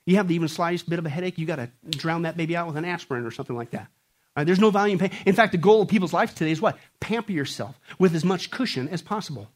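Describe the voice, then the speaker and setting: A man from Kansas preaching a sermon, talking casually and asking the audience questions, rising to loud peaks and then dropping to quiet asides. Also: on the high side, racing. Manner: animated, swings from shouting peaks to hushed asides; conversational, asks the audience rhetorical questions. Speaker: pastor.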